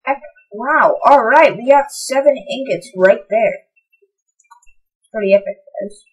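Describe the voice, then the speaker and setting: A young woman talks through her gameplay in a loose, chatty way, her voice sitting a little high. When things go her way she jumps into excited, high-pitched shouting. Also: measured pace, breathy edge, dull audio. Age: young adult. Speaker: gaming channel host. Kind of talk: casual gameplay commentary.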